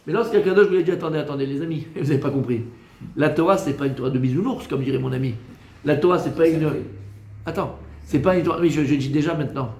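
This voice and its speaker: A man, a rabbi, giving a Torah lesson in a lively way, teasing his listeners with joking asides. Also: on the high side, quick pace, roomy sound.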